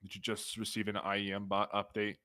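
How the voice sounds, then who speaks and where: A man's voice: on the low side, completely flat delivery, fairly quick, pushed and bright. A man hosting live weather commentary on a storm stream, hesitant with many fillers and restarts.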